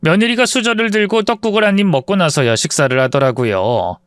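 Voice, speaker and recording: Male narrator, high voice, confiding first-person read, dry close sound. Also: brisk, fairly bright tone, dry recording. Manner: confiding, matter-of-fact retelling. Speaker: storyteller.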